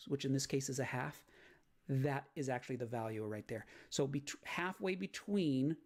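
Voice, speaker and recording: A man's voice: fairly high pitch, a little mellow. A man teaching a math lesson on video, explaining graph sketching step by step and checking in with "right?". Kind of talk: recorded lecture walkthrough.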